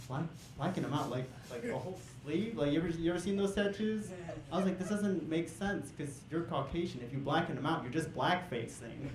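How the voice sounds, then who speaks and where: In an echoey club full of crowd noise, a young man with a voice on the high side performs a stand-up set. He hypes up the audience before dropping into deadpan setups.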